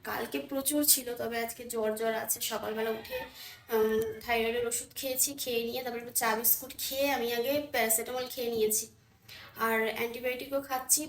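A woman with a hoarse, sore voice chatting casually to her viewers as a lifestyle vlogger. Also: fairly high pitch, echoey room. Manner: chatty, addresses viewers as friends. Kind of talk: casual vlog chat to viewers.

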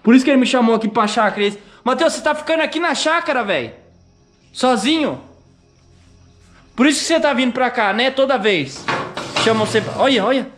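Speaking with a Brazilian Portuguese accent in an extremely high, fairly bright, expressive voice, a YouTuber films an acted horror vlog outside a country house at night. He talks a little fast, pausing often, anxiously addressing viewers and calling for a missing friend over soft background music.

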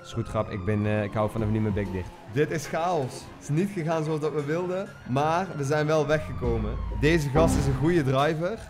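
A man's voice: on the high side, moderate pace, hardly any pauses, music in the background. A man voicing his character in a game roleplay, a joking, cocky robber. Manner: joking, cocky, says grap a lot. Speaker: roleplay gamer playing a robber.

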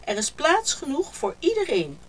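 Woman doing a warm, high-voiced hare. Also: wildly swooping pitch, normal speed, far from the mic, slight background noise. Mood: welcoming. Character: kind warm-hearted male hare friend.

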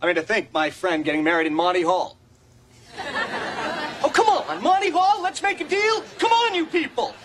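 A man's voice: extremely high pitch, big pitch swings, moderate pace, a crowd in the background, background noise. An actor playing a nervous young man giving a jokey best-man toast, pleading with a silent room for laughs. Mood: eager. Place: restaurant dining room, sitcom set. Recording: TV sitcom with laugh track.

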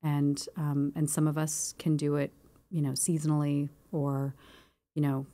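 A woman's voice: low-pitched, level tone, unhurried, warm tone. A woman in her forties, a guest on a studio podcast, talking in a reflective, rambling way with many fillers. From born in Japan. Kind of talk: casual interview chat. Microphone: boom mic on arm.

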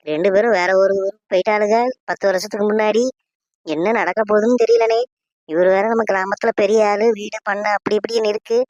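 A woman's voice: medium pitch, steady tone, brisk, darkish tone, no echo, muffled recording, natural voice. A woman voicing a chatty gossip. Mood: gossipy. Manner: gossipy, worried. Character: chatty young village woman. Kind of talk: cartoon voice acting.

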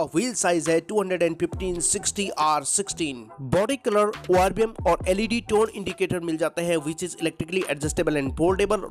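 High-voiced man giving a car walkaround. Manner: steady feature-by-feature listing. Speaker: car reviewer and channel host.

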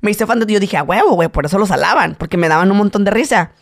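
Animated young Mexican man telling stories. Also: fast, gravelly. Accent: northern Mexican, Tijuana. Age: late 20s. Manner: animated storyteller, mimics others in high voices. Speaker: guest. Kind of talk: casual interview chat.

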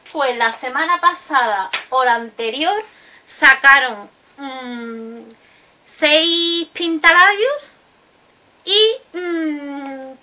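A woman's voice: sits high, sharp tone. A woman vlogger talking casually as she swatches and reviews makeup shades, chatty and explaining, with lots of little check-in questions. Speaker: beauty vlogger. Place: indoors at home, recorded late at night.

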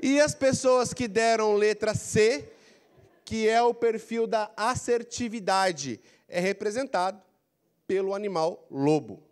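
Brazilian male coach, middle-aged, high-pitched and animated, handheld mic, lecture to a big hall. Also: slow pace, smooth. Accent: Brazilian Portuguese. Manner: animated, prompts audience to repeat phrases. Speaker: career coaching speaker. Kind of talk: lively motivational lecture. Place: large council auditorium. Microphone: handheld mic, walking the floor.

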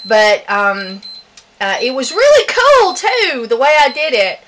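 Woman vlogger, bright and slightly high voice, chatty, rambling with fillers; home kitchen, faint hiss. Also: big pitch swings, unhurried, poor audio. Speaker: soap maker. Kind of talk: casual home vlog.

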